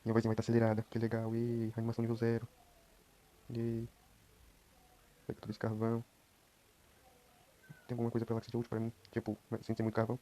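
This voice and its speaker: Fast, low-key Brazilian gamer guy. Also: completely flat delivery. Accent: Brazilian Portuguese. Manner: talks quietly at night, rambling. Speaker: gameplay streamer. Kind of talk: casual gameplay commentary.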